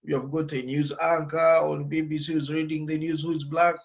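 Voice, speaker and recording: A man's voice: on the high side, little pitch movement, moderate pace, gravelly, dull audio. A male interviewer who puts a counterargument to his guest, laying it out in a hypothetical quoted voice. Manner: lays out an argument in a quoted, hypothetical voice.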